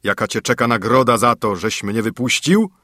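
A man voicing a huge, haughty male spirit freed from a bottle in a fairy tale, speaking slowly and threateningly. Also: bright, forceful tone, no room sound, studio quality. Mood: menacing. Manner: slow, booming and threatening. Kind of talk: storybook narration.

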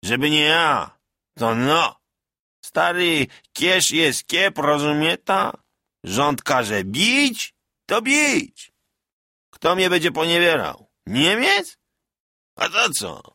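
A man's voice: fairly high pitch, big pitch swings, drawn-out words, long pauses, sharp tone, dry recording, studio quality, voice pushed up, heavily acted. A man voicing a drunk, boastful old peasant soldier who talks in rustic dialect with a swagger. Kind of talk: audiobook character voice.

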